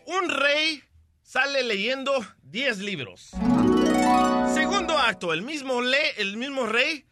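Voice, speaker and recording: A man's voice: very high voice, sing-song, slow pace, over loud music. A man telling a riddle joke on a radio comedy show, playful and building toward the punchline.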